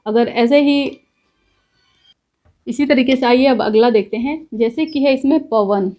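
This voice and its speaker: A woman teaches a grammar lesson. Her voice sits a little high, and she explains patiently. She stops often to check that her listeners follow. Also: a little slow, a little mellow, soft background music. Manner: explains step by step with repeated checks.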